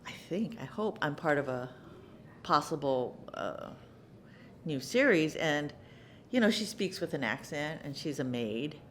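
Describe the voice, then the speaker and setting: A middle-aged woman, an actress, talking in an interview at a theater in an animated way, often repeating words for emphasis. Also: deep voice, measured pace, slight background noise. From United States. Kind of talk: reflective interview talk.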